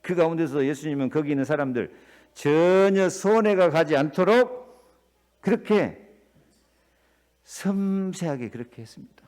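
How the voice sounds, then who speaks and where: A middle-aged male pastor preaching a sermon, asking the congregation questions and swinging between loud declamation and quiet asides. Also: fairly high pitch, animated, unhurried, pauses often.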